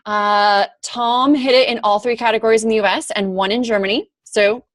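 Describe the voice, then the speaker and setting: A woman's voice: fairly high pitch, steady tone, moderate pace, no echo. Woman book coach chatting on a video call, laughs a lot, dry close mic. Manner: laughs often while explaining. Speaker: book-launch coach and host. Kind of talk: casual video chat, screen-sharing.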